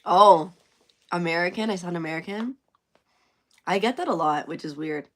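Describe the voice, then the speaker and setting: A woman's voice: lowish voice, animated, fairly quick. A young woman from Canada chatting casually on a live stream at home, answering viewer comments and trailing off in places. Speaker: livestreamer.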